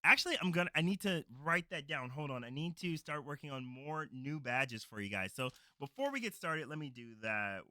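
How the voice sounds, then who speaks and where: A man's voice: a little high, lively intonation, fairly quick, hardly any pauses, sharp tone, no room sound, clean studio sound. A man hosting a livestream with casual, upbeat, appreciative chat in an informal manner. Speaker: streamer, host.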